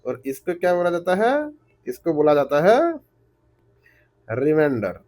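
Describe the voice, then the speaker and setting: Man teaching math slowly. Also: fairly high pitch, expressive, darkish tone. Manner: slow and repetitive, asks rhetorical questions; switches between Hindi and English terms. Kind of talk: explaining math problems step by step.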